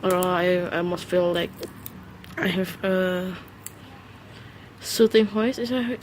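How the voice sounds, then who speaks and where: Alone at home with her phone, a non-native English speaker hosts her first solo podcast, talking casually and hesitantly with many fillers and restarts. She has a lowish voice and speaks slowly, with slight background noise.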